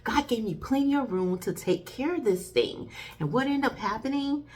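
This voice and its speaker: A woman vlogger talking directly to her audience in a loose, chatty way. Her pitch swings widely and expressively. She keeps calling her viewers y'all and wanders into side stories before coming back to her point. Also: lively intonation, normal speed, a little mellow. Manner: chatty, addresses viewers as y'all, rambling asides. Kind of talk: casual chat to viewers.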